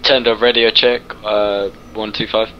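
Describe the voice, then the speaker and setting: A man's voice: fairly low pitch, little pitch movement, measured pace, a little hiss or hum. A man making hesitant radio calls in a flight sim, his voice sounding muffled as if over a helmet intercom. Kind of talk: radio check chatter.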